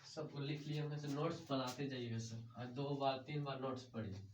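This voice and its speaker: A man's voice: medium pitch, fairly even intonation, a little fast, a little hiss or hum. A man teaching a grammar lesson, asking questions and answering them himself and calling everyone sir. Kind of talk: grammar lesson with call-and-response drilling. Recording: echoey room, distant muffled mic.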